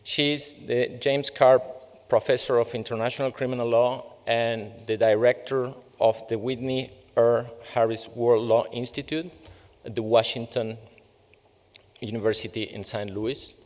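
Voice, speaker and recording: Man, mid-pitched voice, event host, formal podium introduction, long reverb of a large hall. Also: fairly even intonation, a little slow. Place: large courtroom.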